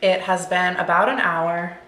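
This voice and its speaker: Her voice is lowish, steady, a bit bright and a little slow, echoing in a reverberant room with slight background noise. A woman in her twenties vlogs casually from her home kitchen as she cooks, bubbly and sprinkling in "you guys" and "like." The audio comes from a camera mic and later a phone.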